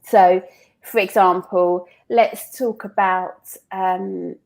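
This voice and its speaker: A woman's voice: mid-range voice, fairly even intonation, slow, gravelly, darkish tone. A woman being interviewed on a podcast, chatting casually and explaining with everyday examples, often restarting her sentences. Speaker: recruitment founder, interview guest.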